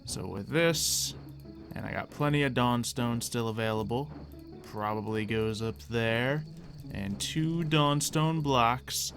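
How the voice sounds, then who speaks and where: A gaming video creator does offhand, playful Minecraft roleplay commentary, improvising casually. His mid-range voice is fairly bright and unhurried, with game music playing under it.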